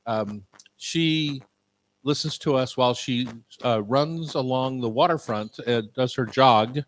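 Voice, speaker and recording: A man hosting a live radio show from a kitchen before an audience, chatting and joking in a relaxed way. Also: medium pitch, a little slow, rough recording.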